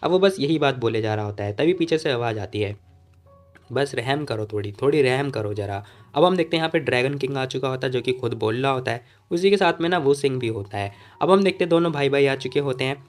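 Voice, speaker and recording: A man's voice: mid-range voice, animated, fast, few pauses. A man narrating a comic story recap in a chatty, informal voice-over, talking to the listener like a friend.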